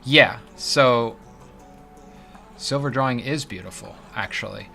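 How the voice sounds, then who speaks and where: Male streamer, casual and jokey, bright ringing tone, faint music underneath. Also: mid-range voice, takes it slowly, creaky. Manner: chatty, joking, drops into silly voices. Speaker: livestream host. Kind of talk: casual livestream chat.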